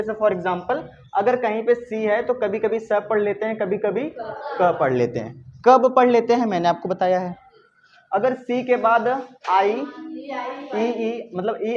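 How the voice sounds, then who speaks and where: A male teacher giving a classroom English lesson, lively and coaxing, repeating his questions to the students. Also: high-pitched, highs cut off, slight background noise.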